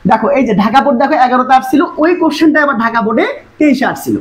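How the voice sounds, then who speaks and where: A woman's voice: sits high, low-quality recording. A woman English tutor teaching an exam-prep lesson, coaxing the students to look and follow along. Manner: fast, coaxing, repeatedly urging students to look.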